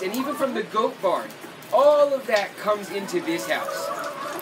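Recorded by a camera a few meters off, a young man with a high-pitched voice explains his farm steadily and methodically. He's giving a tour outdoors among the gardens and animal pens, and background noise is audible.

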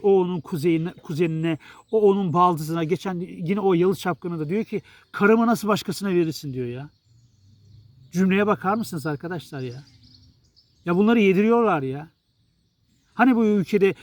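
Blunt, exasperated man with a high voice. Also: no echo. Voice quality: blunt, exasperated, rambling with restarts. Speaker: journalist and writer. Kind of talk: casual monologue to viewers.

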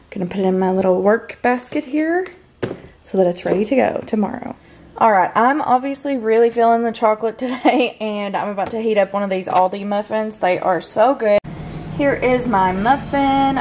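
A woman's voice: medium pitch, darkish tone, slight background noise. Chatty young woman vlogging at home. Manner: chatty, upbeat, laughs often. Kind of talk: casual chat to camera. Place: home kitchen, indoors.

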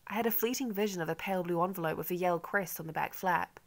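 A woman with a lowish voice narrates a literary novel in the first person. Her reading is measured and wry. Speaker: audiobook narrator.

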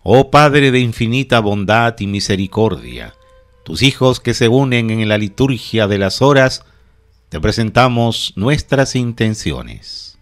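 A man leading prayer, reciting liturgy in a measured, solemn way in short phrases. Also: on the low side, sing-song. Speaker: prayer leader.

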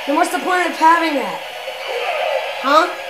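A woman's voice: sits high, lively intonation, measured pace, very noisy. A woman giving casual, rambling commentary on her own gameplay, often restarting and correcting herself mid-sentence. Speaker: gameplay video maker. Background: loud video game music.

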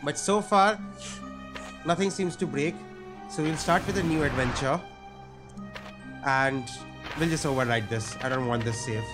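Here the same young streamer, throat still sore, speaks a little high and a little slow, leaving long pauses. He keeps up chatty, joking let's-play commentary with wry asides, on an arm-mounted studio mic with headphones, in a cluttered little room over game music.

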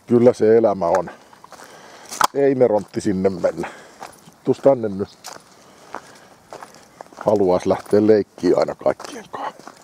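A man's voice: fairly low pitch, mellow, slight background noise. A man rambling to himself and his dog on a winter morning walk outdoors, swearing heavily. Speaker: vlogger. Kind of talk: rambling walk-and-talk monologue. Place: outdoors on a village road in winter.

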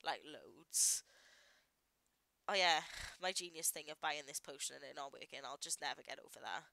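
This gaming YouTuber, an adult woman and parent, voices chatty, rambling commentary over gameplay she recorded earlier, full of "like" and asides. Her voice sits low with lively intonation at normal speed, creaky, pushed and bright. The recording is poor, with no room sound.

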